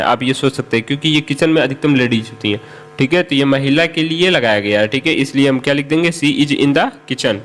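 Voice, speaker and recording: A man teaching English in Hindi, explaining each example and slowing down to say the English sentences. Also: mid-range voice.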